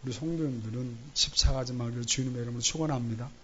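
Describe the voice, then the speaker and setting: A man's voice: mid-range voice, very fast, muffled recording, a little hiss or hum. A man preaching a Sunday sermon in a church, telling a story animatedly and acting out the voices of church members. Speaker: pastor. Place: church sanctuary during Sunday service.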